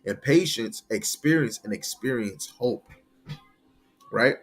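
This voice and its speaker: A man's voice: mid-range voice, animated, faint music behind. Casual-talking male Bible teacher. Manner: conversational, keeps asking "right?", reads scripture slowly. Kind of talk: sermon-style Bible lesson.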